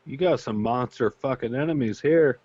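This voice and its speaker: A man's voice: medium pitch, moderate pace, a little mellow, husky, no echo. A man playing a tabletop game who jokes and teases the other players. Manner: joking, teasing. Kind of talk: casual tabletop game chat. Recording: muffled lo-fi mic.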